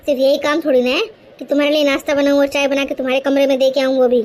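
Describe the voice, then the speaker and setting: A sharp-tongued elder daughter-in-law from a cartoon, voiced by a woman, lecturing everyone around her about how much work she carries. Her voice sits very high and thin. She talks in a scolding, fed-up way. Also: little pitch movement, rapid-fire, lightly acted. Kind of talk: cartoon voice acting.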